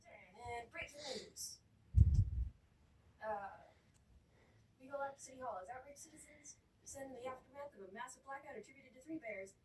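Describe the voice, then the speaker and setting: A woman giving an animated storyboard pitch, narrating scenes and acting out the voices. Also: normal speed, pauses often. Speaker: storyboard artist. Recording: echoey room from far off, background noise.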